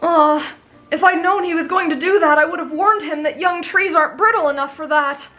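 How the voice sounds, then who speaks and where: A woman voices a kind-hearted teenage anime boy with a high voice in an anime fan roleplay audio drama. He speaks fairly quickly, politely and earnestly, explaining things gently and patiently, with faint music in the background.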